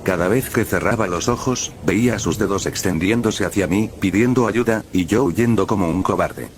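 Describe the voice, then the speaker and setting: A man narrating a first-person horror story in a grave, measured way. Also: deep voice, a little hiss or hum.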